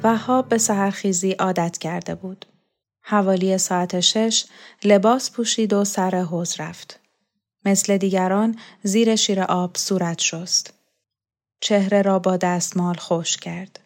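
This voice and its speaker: A woman narrating a novel in a calm, measured storytelling voice. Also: medium pitch.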